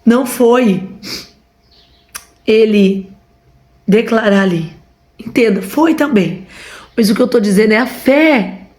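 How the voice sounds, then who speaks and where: A woman's voice: fairly high pitch, slow pace, pauses often, darkish tone. A woman with a Brazilian Portuguese accent giving a fervent testimony from home, repeatedly calling her listeners brothers. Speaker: preacher. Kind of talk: emotional testimony to a congregation.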